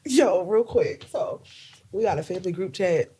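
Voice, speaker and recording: Husky, lively woman joking on a podcast. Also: fairly low pitch, normal speed. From New Jersey. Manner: laughs often, joking, playful. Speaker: podcast co-host. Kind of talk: casual chat.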